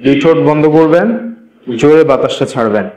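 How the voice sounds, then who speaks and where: A man teaching a spoken English class, drilling the alphabet slowly and having learners repeat after him. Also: fairly high pitch, darkish tone. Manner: slow, deliberate, repeats each letter for learners. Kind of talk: classroom lesson, call-and-response drilling. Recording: echoey room.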